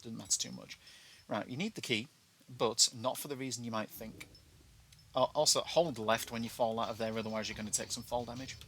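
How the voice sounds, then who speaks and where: Brisk and steady, a mid-range male voice with a slightly bright edge delivers casual gameplay commentary. The speaker is a British man who uses glottal stops instead of T's and jokes at his own expense while giving a walkthrough, over noticeable background noise.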